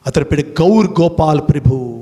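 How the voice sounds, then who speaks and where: A man giving an emphatic motivational speech, quizzing the audience with questions and slowing down to tell stories dramatically. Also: a little high, animated, warm tone. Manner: slows down for dramatic storytelling. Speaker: motivational speaker. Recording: long hall reverb.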